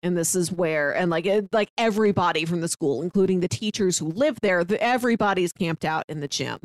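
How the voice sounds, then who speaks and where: This podcast co-host is a woman whose voice sits on the low side and moves a little fast, in a dry recording. Her casual talk about a movie is full of "like" fillers and teasing sarcasm.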